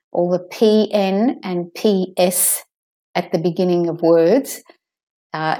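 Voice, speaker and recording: A woman leads a pronunciation lesson, saying each word twice at a very unhurried pace. Her voice sits low and sounds mellow and soft-edged. She stresses syllables deliberately as she teaches.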